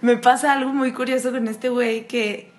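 A woman's voice: a little high, steady tone, normal speed. A young woman with a Mexican accent, co-hosting and telling candid personal stories in casual chat. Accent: Mexican Spanish. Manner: candid storyteller, acts out quotes. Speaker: podcast co-host.

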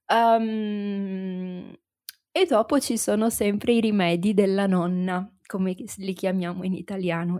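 A woman teaching a language lesson, her voice still slightly hoarse from the flu, talking slowly and repeating words for learners. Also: mid-range voice, dark tone, no echo, studio quality. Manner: slow and deliberate, repeats and conjugates words for learners. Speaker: language teacher and podcast host.

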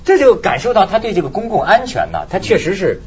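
A man's voice: sits high, very animated, fast, darkish tone. A man hosting a talk show in casual chat, telling stories animatedly and laughing often. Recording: slightly muffled broadcast audio.

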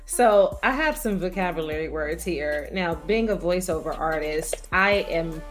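Woman, Chicago-area Midwestern accent, slow unhurried delivery, playful, laughs a lot, faint music behind. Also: on the low side. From Gary, Indiana. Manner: playful, laughs often, coaxing questions. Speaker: interviewer and voiceover artist. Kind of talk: casual chat.

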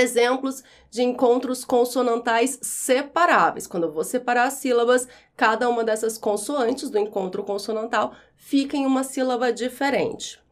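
A woman teacher explaining a grammar lesson, saying each example word slowly and clearly. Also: on the high side. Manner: slow, clear enunciation of example words.

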